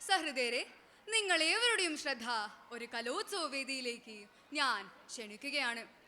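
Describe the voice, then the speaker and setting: A woman's voice: high-pitched, lively intonation, a little slow, sharp tone, slight background noise. A woman performing a story on a school stage in the kathaprasangam style, declaiming dramatically and breaking into sung verses. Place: school stage at an annual day event.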